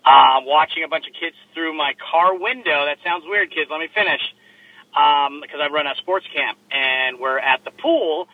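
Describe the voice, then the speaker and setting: A man with a somewhat raised, husky voice chats and jokes about sports, dropping plenty of fillers as he goes. He is calling in from his car over a low-quality laptop stream. The sound is thin and phone-like. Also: moderate pace, no room sound. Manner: chatty, joking, lots of filler words. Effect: low quality remote stream audio. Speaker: sports podcast co-host. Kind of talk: casual sports chat. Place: inside a parked car. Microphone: laptop microphone.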